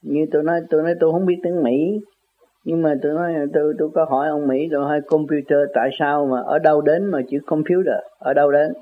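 Talking fast in a steady, slightly high voice, an older man wanders through an informal monologue about word origins. He argues his points with frequent chuckles and folksy puns, and the recording has a tinny, telephone quality.

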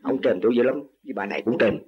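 An older man, the husband of a student, gives a formal, respectful speech in a medium-pitched voice at a racing pace. He's humble and makes self-deprecating jokes, captured on a dull, lo-fi recording.

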